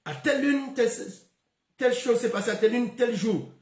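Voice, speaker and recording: A man's voice: very high-pitched, brisk, darkish tone, echoey room. A man giving a spoken Bible lesson, stopping often with fillers and repeated words. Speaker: Bible teacher.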